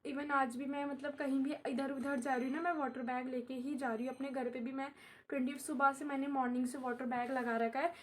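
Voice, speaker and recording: High-voiced young woman chatting to viewers. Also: little pitch movement, fairly quick, slight background noise. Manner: chatty, repeats herself, addresses viewers as guys. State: unwell and in pain, lying down. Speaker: vlogger and tuition teacher. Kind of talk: casual vlog talk to camera. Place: at home while her mother does her hair.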